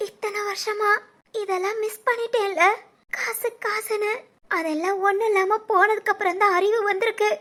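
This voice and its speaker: Woman putting on a crying mom voice, super high pitched, soft and sorry. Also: fairly even intonation, fast, few pauses. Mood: remorseful, tearful. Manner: soft, sobbing, pleading. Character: tearful remorseful mother, middle-aged woman.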